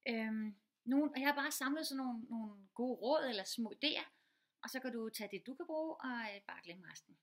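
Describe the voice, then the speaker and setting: A middle-aged woman, a teacher and mother, giving casual advice, talking quickly with many fillers and restarts. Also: fairly high pitch, lively intonation. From Denmark.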